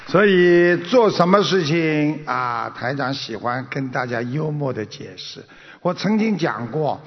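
A man preaches to a hall audience in a somewhat high, lively voice with a gravelly edge, spinning stories and acting out the characters. The sound is dull and lo-fi, with a long reverb from the hall. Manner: storytelling, acts out quotes, chuckles. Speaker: Buddhist master. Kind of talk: sermon. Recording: dull recording in an echoey hall.

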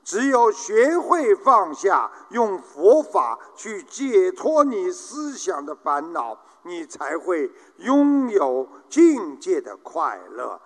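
A man giving a Buddhist sermon, speaking in a slow, measured way. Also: high-pitched, very animated, a bit bright, long reverb tail. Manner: slow, measured preaching, acting out joke characters. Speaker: Buddhist preacher. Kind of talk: sermon with jokes.

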